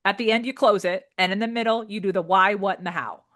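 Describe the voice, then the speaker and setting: A woman speaking as a coach and interview guest, explaining her method informally with animated emphasis. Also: mid-range voice, quick pace. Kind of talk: conversational teaching.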